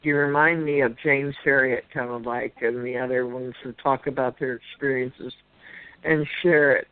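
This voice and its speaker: A man calling in over the phone to a talk show, offering halting, effusive praise with many restarts. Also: medium pitch, steady tone, smooth, dry recording. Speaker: caller. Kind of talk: casual call-in chat. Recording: dry, tinny phone line.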